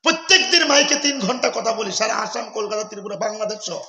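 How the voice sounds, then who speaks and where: High, fast-talking irritated male preacher. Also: lively intonation, a crowd in the background. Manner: irritated, scolding and lecturing. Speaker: Islamic preacher. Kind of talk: scolding talk from a sermon stage. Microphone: stage microphone on a big sound system.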